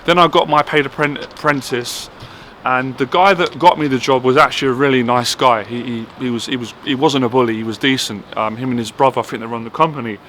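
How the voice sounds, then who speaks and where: A man's voice: medium pitch, fairly even intonation, fairly quick, fairly bright tone, slight background noise. A man telling a personal story in a chatty, casual way, often checking in with "right?". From Ireland. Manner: chatty, keeps asking "right?". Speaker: vlogger sharing a personal story.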